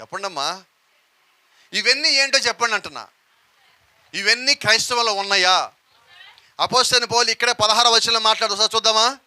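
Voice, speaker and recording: A man preaching a sermon in a bright, piercing, high voice. He keeps asking the congregation questions and urging them to answer out loud. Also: brisk, pauses often. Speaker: pastor.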